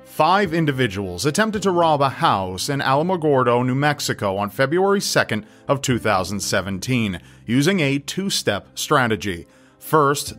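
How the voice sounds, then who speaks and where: A man's voice: mid-range voice, fairly bright tone. A man reading scripted narration in the style of a true crime list video. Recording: music behind the voice. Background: background music.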